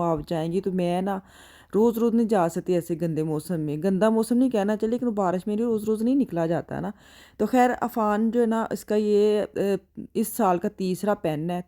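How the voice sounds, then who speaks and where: A woman's voice: fairly low pitch, dark tone. A woman from Pakistan with a Punjabi accent, chatting casually to her viewers as a vlogger and narrating her daily errands. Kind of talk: casual vlog chat.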